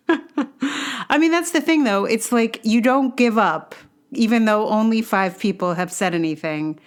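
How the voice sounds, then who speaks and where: Speaking at a measured pace in a slightly high voice, this middle-aged woman is a playwright and actor who hosts a podcast by herself. She reflects casually, rambling and hesitating, and pokes fun at herself along the way.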